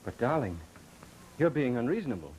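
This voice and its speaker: Actor as a defensive young husband, swooping intonation. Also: male voice, medium pitch, sing-song, a little fast, darkish tone, natural voice. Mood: pleading. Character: weak, defensive young husband dependent on his mother. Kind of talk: vintage film drama acting. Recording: noisy old film soundtrack.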